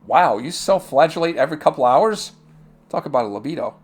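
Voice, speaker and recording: A man's voice: fairly high pitch, expressive, brisk, breathy edge. A man playing a detective game aloud, asking questions and tossing in wry jokes. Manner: wry, joking asides. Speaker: game player and commentator.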